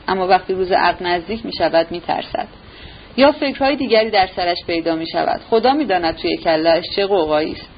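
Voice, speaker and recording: A woman's voice: mid-range voice, lightly acted. A woman voicing a brooding, jealous young man who speaks bitterly and sarcastically, in a dull recording with a faint hiss.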